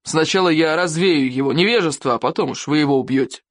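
A reader voicing a hot-tempered, blustering Viking chief who shouts and rants, in a dry, close audiobook recording. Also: mid-range voice, quick pace, no room sound, close to an everyday voice. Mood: gruff. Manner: shouting, bellowing, ranting. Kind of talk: audiobook character voice.

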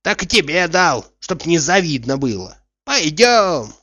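A man's voice: fairly high pitch, expressive, normal speed, pushed and bright, no room sound, pitched above the performer's own voice. A man voicing a sly, joking male coachman. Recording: dull, dry recording.

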